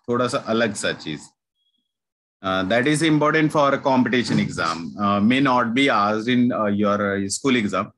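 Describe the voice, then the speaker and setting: There's slight background noise as a man with a medium-pitched, fairly bright voice runs an online chemistry class. He repeats key points patiently, mixes Hindi with English terms, and speaks to his students as "yaar" and "bachche."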